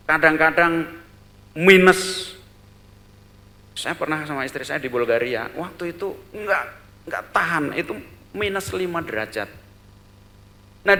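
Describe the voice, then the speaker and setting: At a business seminar, a man with a bright, forward, medium-pitched voice delivers a lecture as an animated storyteller. He speaks in short bursts, repeats words, and tags phrases with fillers like "gitu." As the tale builds, his volume swells loud and then drops soft.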